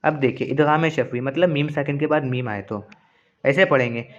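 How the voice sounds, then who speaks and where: A man's voice: mid-range voice, moderate pace, muffled recording. A man teaching Quran recitation rules, explaining patiently and repeating each point. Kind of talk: explanatory lesson with slow recited examples.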